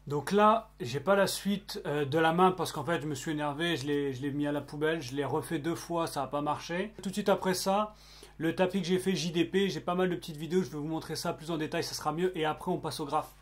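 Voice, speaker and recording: A man narrating his craft vlog in a casual, slangy way, easily excited about his new gear. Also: on the high side, a little fast. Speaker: vlogger.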